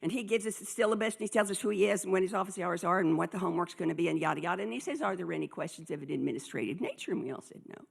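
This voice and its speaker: A woman speaker telling a lively story to a conference audience, acting out the dialogue as she goes. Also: mid-range voice, very fast, vocal fry, hardly any pauses.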